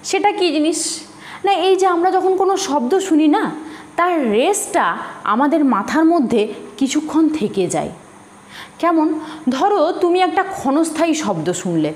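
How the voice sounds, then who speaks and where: A woman teaches a physics class, patient and explanatory, often asking her students a question before answering it. Her voice sits high and swoops with lively intonation. The recording is roomy with a faint hiss underneath. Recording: echoey room with faint hiss.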